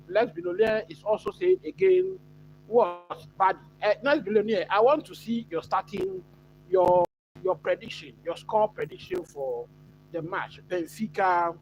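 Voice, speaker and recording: Man from Ghana, high voice, casual live-stream football host, lots of uhs, faint hum behind. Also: muffled recording. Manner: chatty, answers live chat, many fillers. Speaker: watch-along host.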